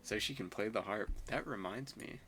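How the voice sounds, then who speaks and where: A man's voice: on the low side, normal speed, fairly bright tone, slight background noise. A young man playing a visual novel, reading the narration aloud and mixing in chatty, self-mocking asides. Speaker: gamer.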